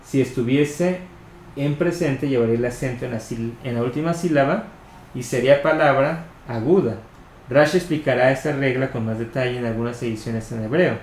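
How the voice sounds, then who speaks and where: Man, mid pitch, measured explanatory reader of a study text, roomy echo. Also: a little mellow. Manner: measured, explanatory, spells out Hebrew terms. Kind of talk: reading a commentary aloud. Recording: echoey room with faint noise.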